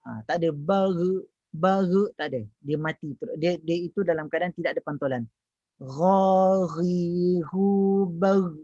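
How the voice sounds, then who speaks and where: A man's voice: fairly high pitch, darkish tone, breathy edge, no echo. Malaysian man teaching recitation. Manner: drawn-out demonstrations of Arabic sounds, repeated syllables, frequent "ah" and "ha". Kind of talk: online recitation class. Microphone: online class microphone. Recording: dull, dry online audio.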